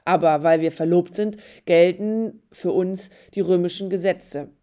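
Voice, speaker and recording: A woman's voice: on the low side, measured pace, warm tone, natural voice. A woman voicing an earnest young male carpenter in a storybook reading. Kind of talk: storybook narration.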